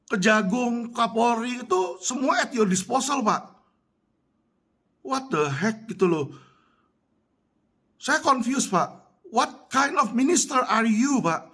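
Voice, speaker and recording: A man's voice: extremely high pitch, sharp tone, breathy edge. A man delivering an impassioned, accusatory monologue aimed at a government minister, dropping English phrases into his speech. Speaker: lawyer addressing a minister.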